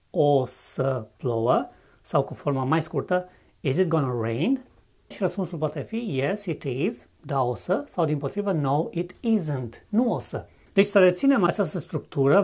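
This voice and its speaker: A man teaching a recorded English lesson, who explains patiently and says each English example slowly and clearly before translating it. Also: fairly high pitch, a little mellow. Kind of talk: recorded video lesson narration.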